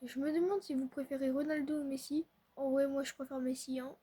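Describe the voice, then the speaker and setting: A young woman chatting excitably to her viewers while playing a football video game. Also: high-pitched, brisk. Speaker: gaming streamer. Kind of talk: casual live commentary on a football video game.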